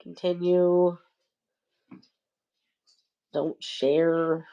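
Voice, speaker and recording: A woman's voice: on the low side, flat delivery, extremely slow, muffled recording. A woman hosting a late-night livestream, stuffed up with a cold, talking in a loose, rambling way into her phone. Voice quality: nasal, congested. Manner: rambling, loose, a little stoned. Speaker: livestream host. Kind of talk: casual livestream chat. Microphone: phone or tablet camera.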